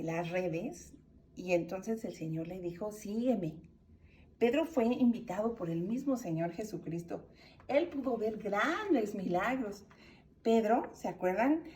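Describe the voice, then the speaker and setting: A woman's voice: on the low side, far from the mic, a little hiss or hum. Mexican woman teaching children a Bible story. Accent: Mexican Spanish. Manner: animated, acts out the characters' cries. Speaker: Sunday school teacher.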